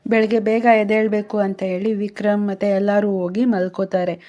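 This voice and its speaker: Woman narrating a story, warm mellow voice, steady, kinda muffled audio. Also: mid-range voice, brisk. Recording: dull lo-fi sound.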